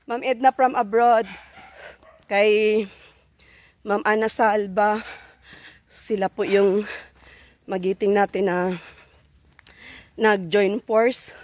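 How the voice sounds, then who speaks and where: A woman's voice: mid-range voice, fairly even intonation, takes it slowly, long pauses, a little mellow, dry recording. A woman vlogging outdoors on a phone, a little out of breath, chatting casually and thanking her viewers and sponsors. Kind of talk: casual vlog narration.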